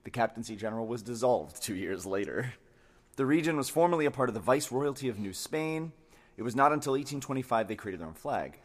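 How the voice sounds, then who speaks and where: A man co-hosting a podcast, reading a wiki article aloud with steady delivery and joking asides, in a crowded hotel room. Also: mid-range voice, fast talker. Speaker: podcast co-host. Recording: echoey room.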